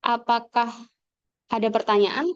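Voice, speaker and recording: A woman teacher explaining a lesson slowly on a video call, with fillers and pauses. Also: a little high, steady tone, clear, resonant tone, no echo. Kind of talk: online class lecture. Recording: dull lo-fi video call audio.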